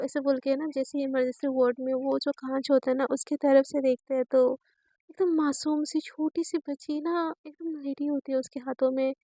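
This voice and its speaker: A woman's voice: high-pitched, warm tone, no echo, low-quality recording. A woman telling a story casually in a chatty way, with many fillers and English words mixed in.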